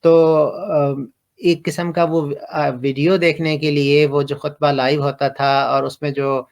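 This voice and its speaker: A middle-aged man from Pakistan, telling his personal story slowly and hesitantly, with many pauses and fillers. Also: fairly high pitch, little pitch movement, a little mellow. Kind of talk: reflective personal testimony.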